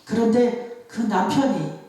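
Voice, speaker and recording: A woman's voice: on the high side, lively intonation, takes it slowly, warm tone. A woman pastor giving an emotional sermon, telling stories and acting out the voices of others. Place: church revival hall. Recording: echoey hall, voice from far off.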